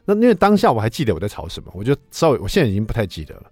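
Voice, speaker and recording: A man around fifty, a radio host telling a personal story in a casual monologue, acting out the voices he quotes and swinging between loud and soft. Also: on the low side, wildly swooping pitch, very fast, slightly rough, no echo. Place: radio studio. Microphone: studio microphone.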